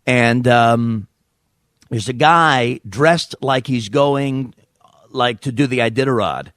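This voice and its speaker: In a casual podcast chat, a middle-aged male host tells stories with animation, acting out the voices of the people in them. His mid-range voice moves slowly, captured in a dry, studio-quality recording.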